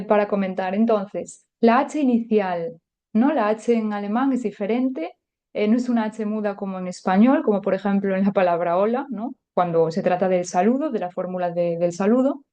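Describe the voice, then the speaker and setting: Woman, language teacher, chatty and explanatory, mellow warm tone. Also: medium pitch. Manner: chatty and explanatory, many filler words. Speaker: German teacher. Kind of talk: podcast language lesson.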